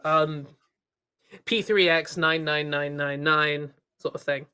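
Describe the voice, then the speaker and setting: A woman's voice: low-pitched, steady tone, takes it slowly, sharp tone, clear, resonant tone. A woman co-hosting a podcast who gives a casual, comedic recap of an episode and playfully breaks into mock voices. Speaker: podcast co-host.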